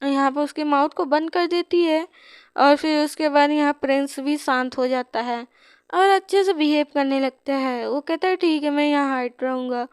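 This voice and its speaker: A woman's voice: high-pitched, normal speed, no echo, studio quality. A woman with a Hindi accent retelling a romance comic in a chatty, casual way, full of fillers and restarts. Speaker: comic explainer. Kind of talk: casual storytelling narration.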